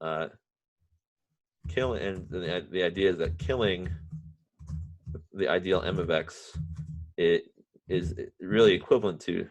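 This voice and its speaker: A man teaching a university math class remotely, halting often with restarts and fillers, and dropping wry, self-mocking asides. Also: deep voice, no echo. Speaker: math professor.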